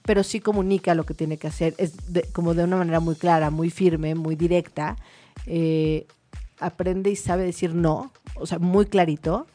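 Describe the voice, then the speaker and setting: Therapist lady chatting, lots of fillers, lowish voice. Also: steady tone, normal speed, dark tone, soft background music. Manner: chatty, many fillers, storytelling. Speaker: child therapist. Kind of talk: explanatory conversational talk.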